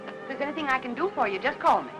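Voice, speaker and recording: Casting: a courteous neighbor, slightly high voice, hesitant, 1950s film. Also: female voice, expressive, very fast, over loud music, rough recording. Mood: polite helpful. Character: helpful, polite new neighbor woman.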